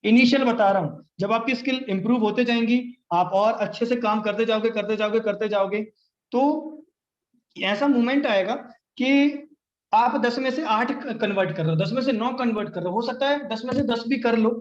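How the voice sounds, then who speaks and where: Energetic high-voiced young man coaching. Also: normal speed, roomy sound, dull audio. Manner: energetic, coaching, acts out both sides of sample chats. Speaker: online sales trainer. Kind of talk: live online training session.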